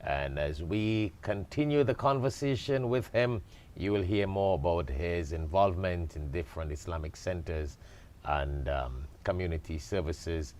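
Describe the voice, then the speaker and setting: A man's voice: deep voice, a little slow, darkish tone. A man hosting a studio talk show interview, giving formal, effusive introductions and asking questions.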